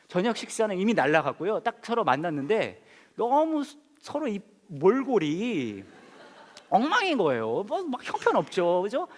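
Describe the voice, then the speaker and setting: A man preaching a sermon in an animated, comic storytelling way, full of fillers. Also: fairly high pitch, big-room sound. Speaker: pastor.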